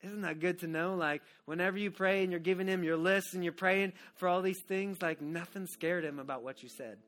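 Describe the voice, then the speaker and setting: A male pastor preaching a sermon, saying y'all often and swinging between loud emphasis and hushed lines. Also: high-pitched, fairly even intonation, a little fast. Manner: folksy, says y'all often.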